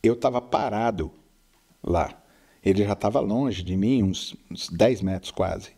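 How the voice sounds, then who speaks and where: With a fairly low, dark, husky voice and some vocal fry, this middle-aged man speaks a little slowly. As the father co-hosting, he shares a casual story about faith, frequently making sure the listener keeps up.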